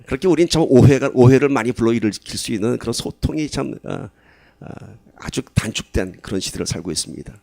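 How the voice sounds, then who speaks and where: A man's voice: on the low side, gravelly, a little mellow, no echo. Man preaching, dry close sound. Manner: conversational preaching, rhetorical questions to the congregation. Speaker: pastor. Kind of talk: sermon.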